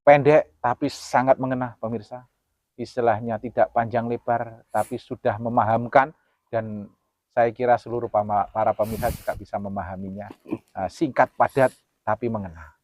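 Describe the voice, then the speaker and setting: Solemn Indonesian host. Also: male voice, medium pitch, fairly even intonation, normal speed, dry recording. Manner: solemn, repeats pemirsa, swings loud and soft. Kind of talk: earnest presenter talk to viewers.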